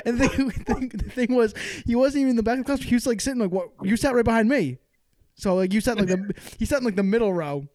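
A man with a Boston accent chatting casually on a podcast, his voice sitting high for a man. He tells stories with many restarts and frequent laughter. The sound is dry and close, with no room around it. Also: animated, fast, a little mellow, no room sound. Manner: laughs often, storytelling with restarts. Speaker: podcast co-host. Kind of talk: casual chat.

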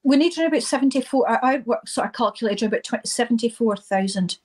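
Higher-voiced Highland Scottish woman, halting delivery. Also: animated, a little mellow. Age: middle-aged or older. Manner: halting, repeats words and phrases. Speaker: interview guest, event organiser. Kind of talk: informal interview conversation.

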